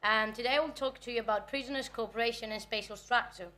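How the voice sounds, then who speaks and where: Quick and sharp, with a steady, high-leaning voice, a young Greek woman presents her research at a conference. She's a native Greek speaker in her twenties, and her delivery is jittery, talkative, and self-mocking.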